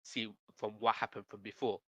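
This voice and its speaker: A man's voice: lowish voice, fairly quick, no echo. Man chatting animatedly on a podcast. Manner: rambling, animated retelling with slang. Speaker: podcast co-host. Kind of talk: casual chat.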